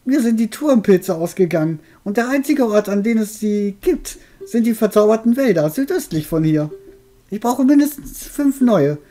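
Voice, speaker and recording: An old video game witch, acted out by a man, speaks in a raised, high voice. She is amused and helpful, with deliberate delivery. Music plays behind her. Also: lively intonation, warm tone.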